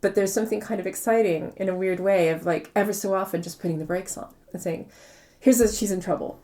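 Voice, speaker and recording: Speaking quickly in a mid-range, dark-toned voice, a woman being interviewed as a novelist reflects on her ideas conversationally, often repeating words to stress them.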